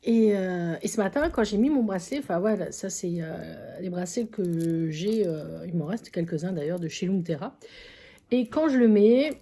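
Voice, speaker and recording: The psychic medium's voice sits on the low side, mellow and lively in intonation, at a normal speed. Vlogging casually at a friend's country house, she tells a chatty story packed with fillers and repeated phrases.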